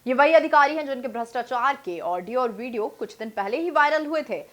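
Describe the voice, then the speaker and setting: A woman reads a scripted news report. Her voice sits fairly high, and she keeps the delivery even and formal throughout. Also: brisk. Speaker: news narrator.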